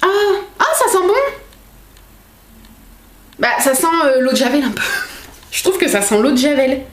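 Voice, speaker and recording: A young woman chatting as a book vlogger, excitable and full of fillers. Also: high voice, fairly quick, noisy background. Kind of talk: casual unboxing chat. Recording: echoey room.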